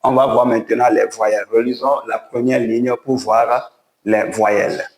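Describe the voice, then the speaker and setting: A language teacher, a man with a medium-pitched and fairly even voice, slowly and patiently shows how to write and read an alphabet's letters at a board, stroke by stroke. The recording is low quality and reverberant.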